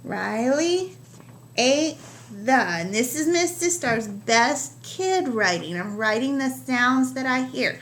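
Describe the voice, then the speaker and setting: A woman teaches young children to write, stretching each word into slow separate sounds. Her voice sits a little high. A faint hiss runs under the recording. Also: expressive, a bit bright. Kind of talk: home-recorded writing lesson for young children.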